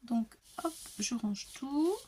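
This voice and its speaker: An older woman at home doing a crafting unboxing, gushing over each item and often dropping to soft whispers. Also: on the high side, expressive, slow, slight background noise. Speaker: crafting vlogger. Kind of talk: unboxing show-and-tell. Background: paper crinkling and handling clicks.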